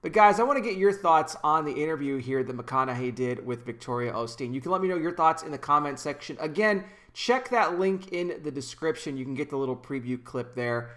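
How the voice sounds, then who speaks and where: Thirties male vlogger, slightly raised pitch, earnest casual commentary, desk mic in a small home room. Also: lively intonation, a little fast, hardly any pauses, a bit bright. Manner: earnest, talks with hand gestures, frequent restarts. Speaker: commentary channel host. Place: small indoor room with kitchen behind. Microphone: desk microphone in front of him.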